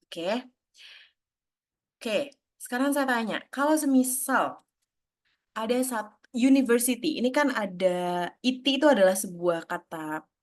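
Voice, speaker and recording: A woman's voice: on the high side, lively intonation, a little slow, pauses often. A woman giving an online grammar lesson, explaining step by step, putting questions to her students and dropping English terms into her talk. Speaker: English teacher.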